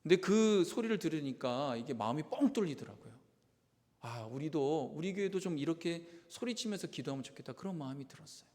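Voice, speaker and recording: A South Korean male pastor preaches an impassioned sermon in a fairly high voice with wide rises and falls, moving briskly and expressively. Quiet, reflective asides give way to loud, fervent cries, all ringing with the long reverb of a church sanctuary.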